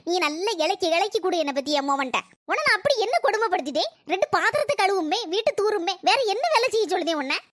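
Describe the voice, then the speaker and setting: A sarcastic, self-pitying old mother-in-law, played by a woman, scolds at a rapid clip in a piercing high voice. She nags and needles without pause, and the sound is dry and close. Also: big pitch swings, a bit bright, no echo, heavily acted. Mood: aggrieved. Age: older. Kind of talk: family quarrel skit acting.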